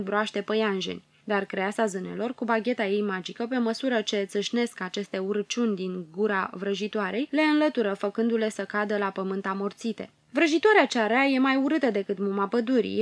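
A woman reading a fairy tale aloud as an audiobook narrator, in an expressive storytelling manner. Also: medium pitch, no room sound. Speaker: audiobook reader.

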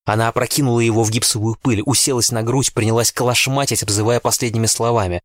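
A man narrating a novel in the first person in a steady, tense storytelling manner. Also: medium pitch, fast talker, no room sound, clean studio sound. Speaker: audiobook narrator.

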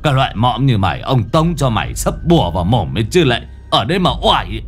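Man voicing an old male exorcist, quarrelsome, cursing, loud, cowardly, storybook. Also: medium pitch, sing-song, fast, husky, faint music behind. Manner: cursing, shouting, panicky.

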